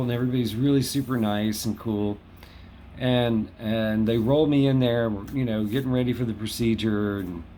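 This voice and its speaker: A man's voice: medium pitch, darkish tone, a little hiss or hum. A man in his fifties hosting a casual home video, talking in a chatty, wry, self-deprecating way. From Los Angeles. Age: 50s. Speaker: host. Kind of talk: casual monologue to camera. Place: home in West Hollywood.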